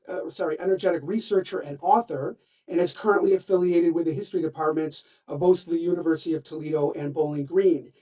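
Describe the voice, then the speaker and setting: A man reads a formal introduction for a guest speaker over a video call. His voice is fairly high but dark and mellow in tone. He sounds set back from the microphone, and he stumbles and corrects himself now and then. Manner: formal, with small slips and corrections. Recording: distant, dull call audio.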